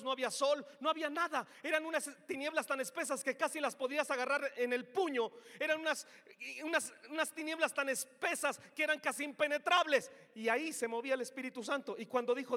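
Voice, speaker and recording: A male preacher with a Mexican accent delivers an emphatic sermon in a strikingly high, bright voice. He shifts from soft, confiding asides to shouted climaxes. His voice carries a long reverb, as if in a large hall or church. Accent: Mexican Spanish.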